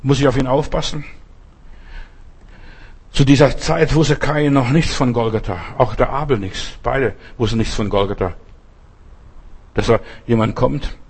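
A man's voice: medium pitch, unhurried, long pauses, breathy edge. A man preaching a sermon, emphatic and earnest, sometimes crying out when he voices quoted lines. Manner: emphatic, rises sharply for quoted cries.

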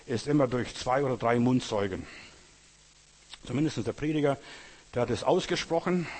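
A man's voice: mid-range voice, darkish tone, husky, in a large hall. A man preaching a sermon, emphatic and repetitive, often addressing the listener directly.

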